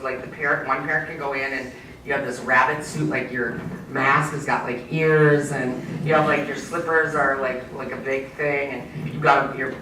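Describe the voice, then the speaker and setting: A middle-aged woman giving a storytelling speech to a live audience, animated and often asking the listeners questions. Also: low voice, a little hiss or hum. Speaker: keynote speaker. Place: community event hall. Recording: echoey hall, mic from far off.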